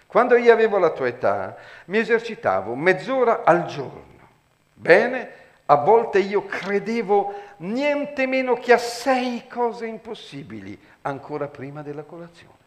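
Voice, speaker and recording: Male reader as an ancient, fussy queen, shrill and lecturing. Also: very animated, unhurried. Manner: high wailing cries, then lecturing. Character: shrieking fussy old queen, female. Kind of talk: dramatic reading.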